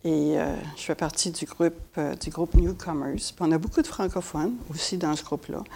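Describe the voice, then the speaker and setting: A woman's voice: deep voice, fairly even intonation, moderate pace, creaky, warm tone. An older woman from Montreal with a Québécois French accent, chatting casually as a panel guest. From Montreal, Quebec. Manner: chatty, many fillers.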